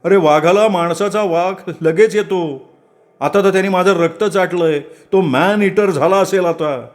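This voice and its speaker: A man's voice: high voice, unhurried, pitched above the performer's own voice. A man voicing a tense young man in a told story, urgent and blunt. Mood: grim. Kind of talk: dramatic storytelling.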